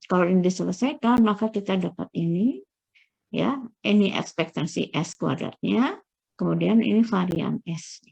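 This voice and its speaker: A middle-aged woman lecturing through slides, explaining step by step with frequent checking pauses and searching fillers. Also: fairly low pitch, vocal fry, darkish tone, slightly rough.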